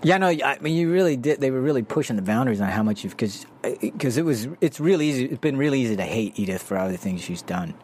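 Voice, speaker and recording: A man chatting casually about a TV drama episode, animated and laughing often, with many restarts. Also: mid-range voice, fast talker, few pauses, a little hiss or hum.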